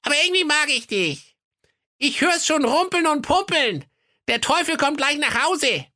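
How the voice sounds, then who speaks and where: A man playing the devil's shrill old grandmother. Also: very animated, normal speed, bright, forceful tone, full character voice. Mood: sly. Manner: fussy, sweetly menacing. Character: shrill old she-devil grandmother, doting yet sly.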